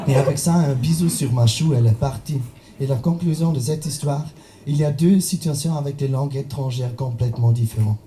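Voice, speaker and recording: A man's voice: medium pitch, dark tone, a little hiss or hum. A man from German-speaking Switzerland with a Swiss German accent, telling a humorous slam poem in French, his second language. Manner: humorous storytelling, playful sung asides. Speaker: slam poet. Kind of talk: slam poetry performance.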